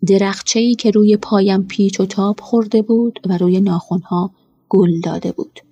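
A woman narrating a first-person story in a quiet, measured way. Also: medium pitch, steady tone, breathy edge, no room sound, lo-fi sound.

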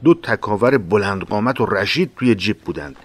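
A man narrating a war memoir in a measured, dramatic reading. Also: on the low side, expressive.

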